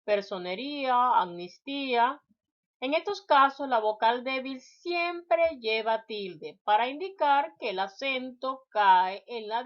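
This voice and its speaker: Slow, deliberate woman teacher. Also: a little high, lo-fi sound. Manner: slow, deliberate, spells out word lists; addresses students directly. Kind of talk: spelling lecture.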